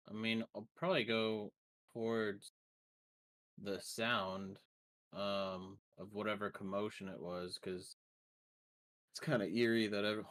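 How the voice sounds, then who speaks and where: A man's voice: fairly low pitch, a bit bright. A man playing in an online tabletop game, thinking aloud hesitantly with many ums as he decides what his character does. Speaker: player.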